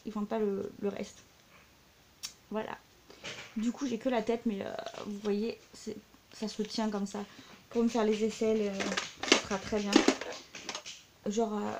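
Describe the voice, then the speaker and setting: A woman's voice: fairly high pitch, heavy background noise. A young adult woman chatting casually in a show-and-tell vlog, full of fillers and side remarks. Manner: chatty, many fillers and asides. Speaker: vlogger.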